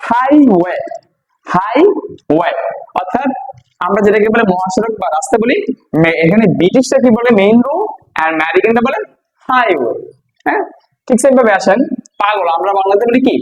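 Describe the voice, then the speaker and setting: Male teacher from Bangladesh, higher register, patient drilling style, asks and answers his own questions. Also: lively intonation, moderate pace, long pauses, muffled recording. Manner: repeats each word and quizzes listeners with questions. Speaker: English teacher. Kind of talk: classroom-style vocabulary lesson.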